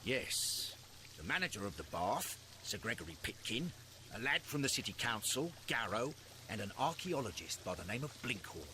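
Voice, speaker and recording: A proper police inspector in a Victorian detective game. His voice is bright and his intonation lively. He reports crisply and formally. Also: lowish voice, normal speed, slight background noise. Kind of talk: game voice acting.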